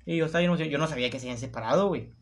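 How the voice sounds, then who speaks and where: Fast-talking young Mexican man. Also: on the high side. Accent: Mexican Spanish. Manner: rapid, repetitive, peppered with slang fillers. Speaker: interviewee telling his story. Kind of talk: casual conversational storytelling.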